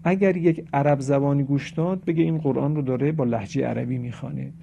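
A man's voice: mid-range voice, steady tone, vocal fry, mellow. A man teaching a religious lesson on correct Quran pronunciation, explaining in a lecturing way and reciting Arabic examples. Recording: dull lo-fi recording with faint noise.

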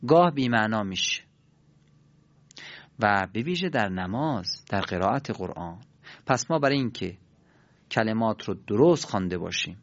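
A man's voice: mid-range voice, no room sound. Patient man teaching pronunciation, dull recording. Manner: patient, repeats and demonstrates sounds. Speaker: Quran recitation teacher. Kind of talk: spoken pronunciation lesson.

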